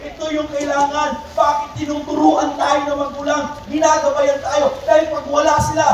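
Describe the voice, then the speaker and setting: A man's voice: very high voice, completely flat delivery, moderate pace. A middle-aged man with a Filipino accent preaching to young people with passion, moving freely between Tagalog and English. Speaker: pastor. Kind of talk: sermon. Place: large hall at a youth camp. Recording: echoey hall from far off, faint hiss.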